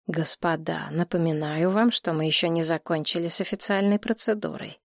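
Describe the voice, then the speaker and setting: A calm, formal male lawyer, voiced by a woman reader, quiet and measured. His voice sits a little below the narration and is recorded dry. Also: deep voice, no room sound.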